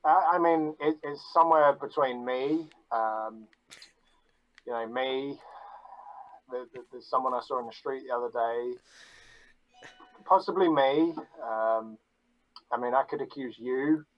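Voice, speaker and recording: A man chatting casually on a podcast, bragging about himself in a deadpan, mock-grandiose way. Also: medium pitch, a little slow, pauses often, lo-fi sound. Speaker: guest.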